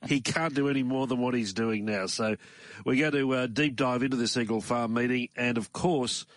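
Morning show host: Australian man, lower-pitched voice, conversational and measured, close dry studio sound. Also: no echo. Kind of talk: morning radio racing talk show hosting. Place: radio studio.

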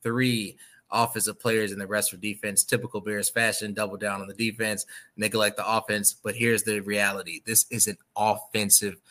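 This is a man from the Chicago area hosting a sports podcast. His voice is bright and forward, and he delivers opinionated takes with big swings between loud emphasis and quiet asides. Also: fairly low pitch, flat delivery, normal speed. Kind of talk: casual sports opinion talk.

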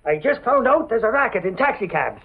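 An actor playing a dopey, excitable big lug with an American accent, bellowing in folksy slang in old-time radio style. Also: male voice, high voice, brisk, gravelly, husky, heavily acted. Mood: blustering, eager. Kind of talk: old-time radio comedy-drama acting. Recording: muffled vintage radio recording.

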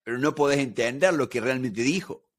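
A man's voice: medium pitch, a little fast. A man with a Rioplatense Spanish accent, a negotiation expert talking as a guest in an interview and explaining his points through everyday examples. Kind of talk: conversational interview.

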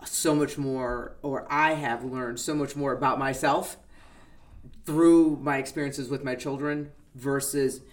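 A woman's voice: very deep voice, fairly even intonation, measured pace. A middle-aged woman guest in a casual conversation, speaking earnestly and reflectively about personal growth.

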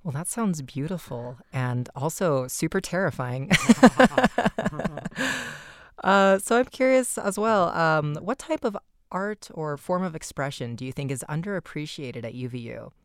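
A mid-pitched podcast host speaks first from a script, then asks questions casually and earnestly. The voice sits close to a dry mic with no room echo. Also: expressive, unhurried, clean tone.

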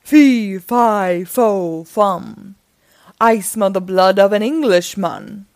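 A huge grumpy giant, as a woman reader puts him on. The voice booms out loud and menacing, with heavy, deliberate words. It belongs to a children's storybook, with a dry, close sound. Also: no room sound. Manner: slow, loud, menacing declaiming. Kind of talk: children's storybook read-aloud.

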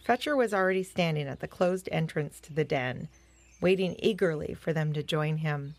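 A woman narrating a children's adventure story in a gentle, expressive reading style. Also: low voice, normal speed, gravelly, no room sound.

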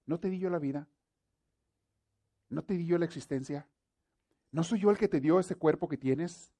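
Preacher guy doing god talking, big solemn voice, higher and louder than his own, slow and proclaiming, mellow tone. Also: lightly acted. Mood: solemn commanding. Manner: solemn, proclaiming, repeats a name insistently. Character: God, a mighty, commanding male divine voice. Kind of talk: sermon.

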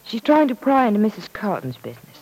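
An actress playing a composed, kindly young woman in a radio soap, well-spoken and gentle. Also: mid-range voice, big pitch swings, fast, poor audio. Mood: concerned. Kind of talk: old radio soap acting. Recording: old radio broadcast recording.

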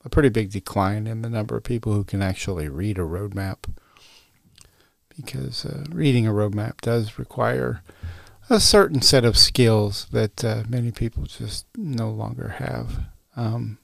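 A man's voice: lowish voice, normal speed, creaky, a bit bright, dry recording, clean studio sound. A man hosting a solo podcast, chatting casually with lots of uhs and restarts. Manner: casual, many fillers and restarts. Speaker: podcast host.

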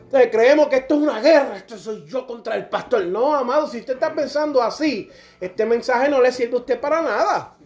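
Speaking fairly quickly in an extremely high pitch, a middle-aged man delivers a fervent, direct sermon. Every so often he dramatizes church members in dialogue.

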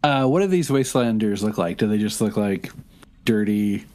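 A man's voice: on the low side, lively intonation, normal speed, darkish tone. A man playing a tabletop game, blunt and joking in casual talk. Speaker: player. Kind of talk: casual tabletop role-play.

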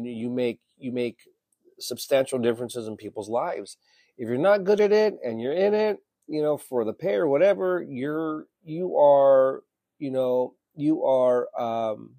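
A man in his fifties rambles through a reflective monologue, circling back with "you know" and casual swearing. His voice sits at an ordinary middle pitch. It is recorded close and dry, with no room sound around it. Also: mellow, no room sound. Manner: frequent restarts and repeated words. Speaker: emergency medicine worker.

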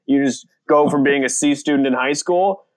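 A young man, a comedian, telling stories on a podcast in a casual, animated way, laughing and swearing freely. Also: medium pitch, normal speed. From United States. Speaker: comedian guest.

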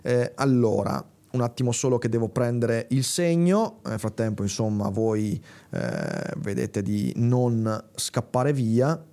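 A man's voice: medium pitch, very animated, slow, creaky, mellow. A man hosting a philosophy video, talking straight to viewers and correcting himself as he goes. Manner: speaks directly to viewers, corrects himself aloud; reads the text dramatically, raising his voice at the cries. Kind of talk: spoken lecture with a read-aloud passage.

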